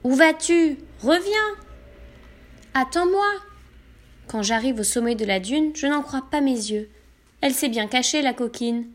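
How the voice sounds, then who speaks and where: High-voiced woman telling a children's story. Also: moderate pace. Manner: animated, acts out emotions as a girl. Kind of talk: expressive first-person storybook narration.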